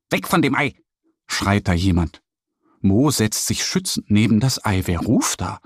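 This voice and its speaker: A man reading a children's story aloud with lively voices for the animals. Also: on the low side, breathy edge, no echo, studio quality. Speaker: narrator.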